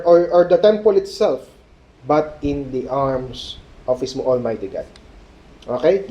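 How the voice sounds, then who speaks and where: A man preaching at a prayer meeting, his voice sitting a bit high yet dark and mellow. He delivers animated points and keeps checking in with his listeners. The recording sounds dull and lo-fi. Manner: mixes Tagalog and English mid-sentence. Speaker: pastor.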